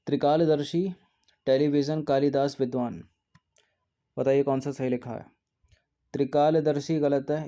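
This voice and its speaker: A man's voice: mid-range voice, gravelly, dark tone, highs cut off. A man going through the answers of an exam practice test, explaining each one steadily and repeating words to check them. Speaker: exam prep teacher. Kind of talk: test series answer walkthrough.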